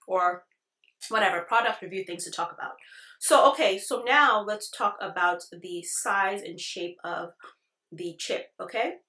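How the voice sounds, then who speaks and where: A woman's voice: medium pitch, pushed and bright. A woman giving a casual product review, chatting directly to her viewers in an informal way. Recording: echoey, roomy sound.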